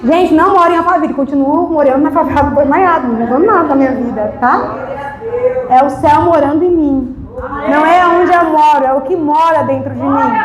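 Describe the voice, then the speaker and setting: High-voiced woman preaching in an echoey church. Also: brisk, a loud crowd. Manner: animated storytelling, acting out dialogue. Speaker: deaconess preaching. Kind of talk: testimony sermon. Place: church service.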